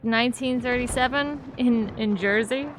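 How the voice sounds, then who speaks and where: Higher-voiced woman explaining, music behind. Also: normal speed. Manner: explains facts, laughs often. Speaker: stream co-host. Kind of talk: casual gameplay chat.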